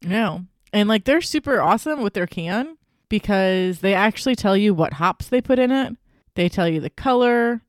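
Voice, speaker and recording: A podcast co-host in casual beer-tasting chat, chatty and playful, with quick asides. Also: medium pitch, expressive, no room sound, clean studio sound.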